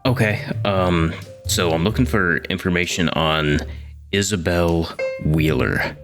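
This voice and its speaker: A man's voice: deep voice, unhurried. A man playing a tabletop role-playing game, talking casually through what his character does. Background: soft guitar music.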